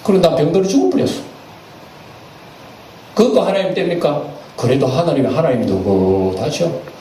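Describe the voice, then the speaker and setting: A man, preaching a sermon as senior pastor. He talks in a lively way, asks the congregation questions and acts out little asides. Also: a little high, moderate pace. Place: church sanctuary. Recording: echoey church hall, picked up from a distance, faint room noise.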